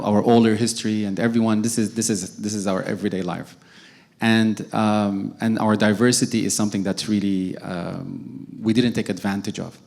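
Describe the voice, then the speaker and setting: A man's voice: fairly low pitch, vocal fry, darkish tone. A young man from Sudan, a cartoonist speaking as a guest on a forum panel, hesitant with many restarts. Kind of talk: panel discussion answer.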